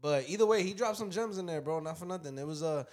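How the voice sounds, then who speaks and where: A man's voice: on the high side, fast, darkish tone. A man co-hosting a casual podcast chat, laid-back and slangy, swearing freely. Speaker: podcast host.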